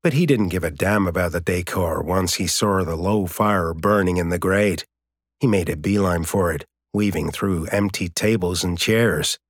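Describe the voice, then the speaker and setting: A man narrating an audiobook in a steady, measured way, recorded close on a studio mic. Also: deep voice, no echo. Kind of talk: scripted narration.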